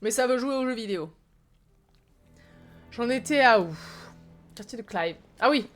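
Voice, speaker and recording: A young woman from France chats loosely through her gameplay, rambling and playful. Her voice sits slightly high. Faint game music plays in the background. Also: animated, moderate pace. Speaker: streamer. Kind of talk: casual gameplay commentary. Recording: stream with game music behind.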